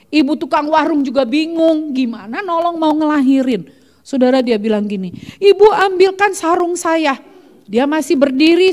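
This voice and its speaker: A woman pastor preaching a sermon in a church, animated, acting out the people in her stories, often turning straight to the congregation. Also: high voice, big-room sound. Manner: animated preaching, constantly addressing the congregation as "saudara".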